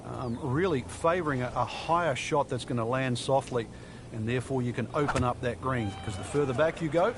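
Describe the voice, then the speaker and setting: A man's voice: mid-range voice, brisk. A man working as a golf analyst in broadcast commentary, explaining things in a conversational way. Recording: outdoor crowd and background noise.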